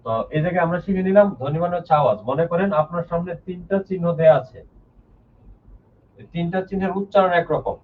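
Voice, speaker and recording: A man's voice: high voice, fast talker, distant mic, a little hiss or hum. A man teaching a live online grammar lesson, explaining step by step, repeating key points and reading out viewers' names. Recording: lo-fi phone-like sound from off the mic.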